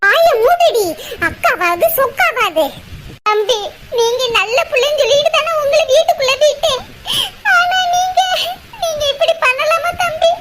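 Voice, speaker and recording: A woman voicing a grieving older sister in a cartoon comedy, lamenting loudly and repeating her words. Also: very high-pitched, expressive, normal speed. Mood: hurt reproach. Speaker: cartoon character. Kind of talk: Tamil cartoon comedy voice acting. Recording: loud background noise.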